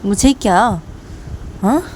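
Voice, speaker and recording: A woman playing a jealous young woman student who scolds in a near-everyday voice, repeating her complaints. A steady background hum runs under the voice. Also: mid-range voice, slow pace. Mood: angry.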